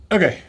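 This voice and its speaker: A man talking casually and haltingly, unscripted, as a streamer setting up and chatting with viewers. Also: high-pitched, creaky, pushed and bright, husky. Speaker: livestream host.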